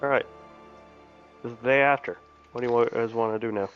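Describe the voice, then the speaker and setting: A man's voice: medium pitch, fairly even intonation, quick pace. A man recapping and narrating a tabletop game as game master, casual and profane. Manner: casual, profane, laughs mid-sentence. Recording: dull lo-fi audio, faint music.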